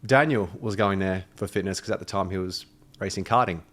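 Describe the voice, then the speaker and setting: An Australian man in his thirties, a podcast guest chatting casually, relaxed and jokey. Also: low voice, brisk. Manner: relaxed, jokey, laughs often.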